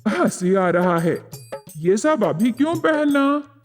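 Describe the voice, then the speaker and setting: A woman's voice: mid-range voice, big pitch swings, pitched below the performer's own voice. Woman putting on a bewildered old village husband. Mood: baffled. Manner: slow, flustered complaining. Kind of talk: storybook character voice. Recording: reverberant, with faint music.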